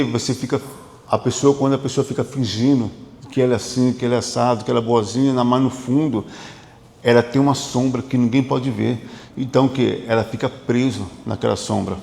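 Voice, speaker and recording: A man's voice: medium pitch, vocal fry, darkish tone. A man, a psychotherapist giving a motivational talk and telling client stories in an emphatic, repetitive, conversational way. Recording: echoey hall reverb.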